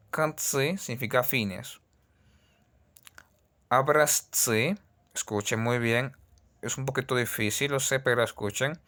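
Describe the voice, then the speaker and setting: A male teacher explains pronunciation in a calm, unhurried lesson. He speaks slowly and patiently, repeating sounds so learners can follow. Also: mid-range voice. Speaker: Russian language teacher. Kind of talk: slow language lesson.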